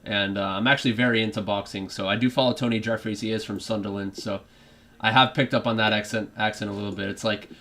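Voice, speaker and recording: Guy w a put-on british accent calling a football match live, kinda low voice, rambling and going off topic. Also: fairly even intonation, fast talker, sharp tone. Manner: rambling, many fillers and restarts, drifts off topic. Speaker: fan streaming a live match reaction. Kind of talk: live football reaction commentary.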